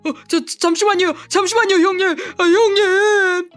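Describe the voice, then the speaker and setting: A man's voice: very high-pitched, brisk, dry recording, soft background music. A man voicing a petty, hotheaded young male scammer in an audio drama, stammering and swinging between taunting and groveling.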